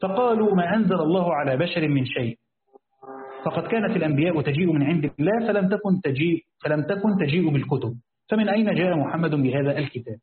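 A man's voice: a little high, expressive, quick pace. A man with an Egyptian accent, a sheikh reading a classical Quran commentary aloud and explaining it in casual asides. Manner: switches between formal reading and casual asides, thinking aloud. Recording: echoey, phone-like, faint hiss.

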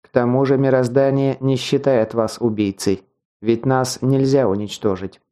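A cold, officious chief guard from a fantasy audiobook, delivering verdicts in a calm, mechanical tone, as a male narrator voices him. The voice is dark and mellow at a middle pitch. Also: normal speed, natural voice.

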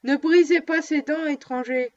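Blustering dog owner done by a woman, stern, solemn, fairly high voice. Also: fairly even intonation, moderate pace, dull audio, close to an everyday voice.

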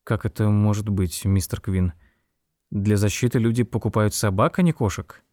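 A man voicing a curious, quick-witted young woman in an audiobook, speaking in an eager, questioning way. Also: lowish voice, fairly even intonation, darkish tone, no room sound, studio quality, close to an everyday voice.

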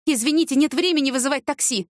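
A woman voicing Yana, a restless young woman who talks in quick, pleading exclamations. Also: high voice, no echo, clean studio sound, pitched above the performer's own voice, close to an everyday voice. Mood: flustered.

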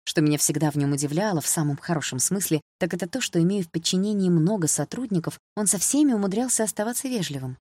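Low-voiced woman narrating a novel. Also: animated, fast, hardly any pauses, dark tone, breathy edge, no echo. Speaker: audiobook narrator. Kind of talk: first-person audiobook narration.

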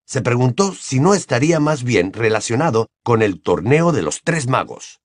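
A man narrates an audiobook with a lively, rising and falling delivery. His voice sits at a middle pitch. The recording is dry and close, with no room sound. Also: moderate pace, no room sound. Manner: expressive, varied storytelling. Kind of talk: audiobook reading.

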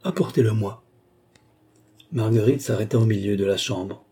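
A male narrator reading a classic novel with measured expression. His voice sits low and mellow, with a husky edge. The pacing is deliberate and literary. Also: fairly even intonation. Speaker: audiobook narrator.

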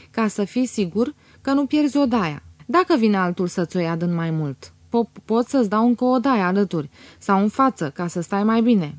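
A woman voicing a stingy, quarrelsome old man with a shrill, indignant voice in an audiobook reading. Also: a little mellow, no echo, close to an everyday voice. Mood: wheedling.

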